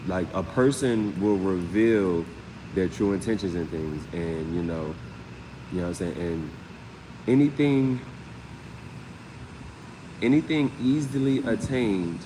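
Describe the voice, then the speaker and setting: During a live tarot reading with background noise, a deep-voiced man chats in a rambling, informal way. Filler phrases abound, especially "you know what I'm saying."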